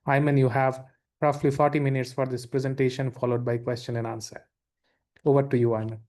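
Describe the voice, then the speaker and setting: A man introduces a speaker at an online forum over a video call. He speaks formally, with a flat, even pitch. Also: brisk. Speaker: forum moderator.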